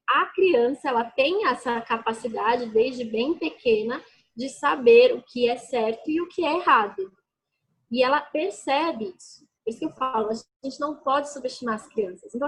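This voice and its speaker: Husky-voiced woman explaining education. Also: high-pitched. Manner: explanatory, frequent "né?" tag questions. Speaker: educator guest. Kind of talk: conversational interview answers.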